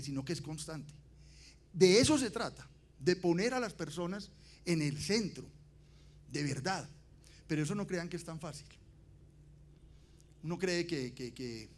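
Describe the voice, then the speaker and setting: A man giving a motivational conference talk, asking the audience rhetorical questions and swinging between loud emphasis and quiet, dropped endings. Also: a little high. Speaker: conference speaker.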